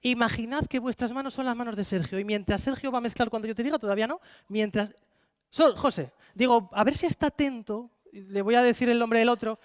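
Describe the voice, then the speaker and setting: A man's voice: extremely high pitch, brisk, smooth, dry recording, studio quality. A man with a Spanish accent performing a live card-magic show, playfully coaxing volunteers from the audience. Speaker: stage magician. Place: conference hall with live audience.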